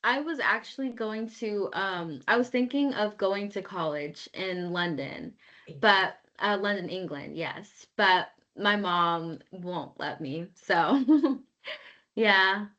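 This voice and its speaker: A woman's voice: mid-range voice, slow, bright, forceful tone, highs cut off. A teenage girl interviewing with brief, encouraging replies. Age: teens. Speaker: interviewer, youth member. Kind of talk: casual conversation.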